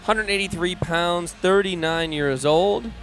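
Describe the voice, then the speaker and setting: Bright, forceful male fight commentator. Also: high-pitched, slow pace, faint music behind. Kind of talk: casual sports commentary.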